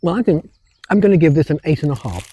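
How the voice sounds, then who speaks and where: A man's voice: fairly high pitch, big pitch swings, fast, warm tone, slightly rough. A man co-hosting a casual chat podcast, teasing and playful. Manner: playful, teasing, chuckles often. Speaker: podcast co-host.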